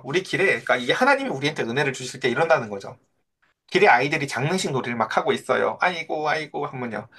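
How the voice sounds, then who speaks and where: A middle-aged male pastor preaching in a conversational way, asking his listeners questions and acting out the voices in his stories. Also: a little high. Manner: animated, acts out quoted voices of children and Jesus. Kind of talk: sermon.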